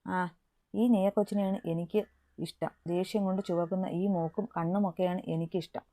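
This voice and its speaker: A woman's voice: on the low side, steady tone, moderate pace, dark tone, no room sound, natural voice. A woman voicing a playful, teasing young man in love from a romance story she reads aloud.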